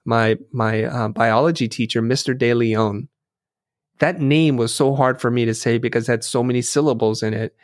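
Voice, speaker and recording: A middle-aged man, a designer and teacher whose first language is Vietnamese, tells stories earnestly and thoughtfully as an interview guest, often restarting sentences. His voice is medium-pitched and steady at normal speed, recorded in a clean studio with no room sound.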